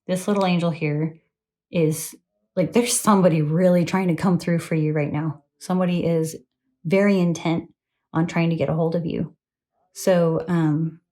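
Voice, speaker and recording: A tired woman talks through a tarot reading in a loose, rambling way, full of ums and self-corrections. Her voice sits a little low and sounds mellow and soft. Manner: chatty, rambling, many fillers and self-corrections. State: tired, late at night. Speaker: tarot reader. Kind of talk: casual spoken tarot reading.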